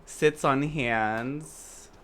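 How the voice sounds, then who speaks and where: A man's voice: mid-range voice, drawn-out words, heavy background noise. A man streaming a game through a voice changer, chatting casually and campily with his viewers. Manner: chatty, campy, playful. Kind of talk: casual live-stream commentary.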